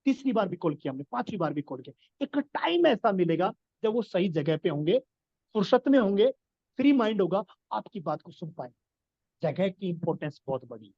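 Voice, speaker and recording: A man's voice: sits high, sing-song, fairly quick, no echo, dull audio. A man giving an earnest business coaching talk, explaining his points and repeating key phrases for emphasis. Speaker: business trainer.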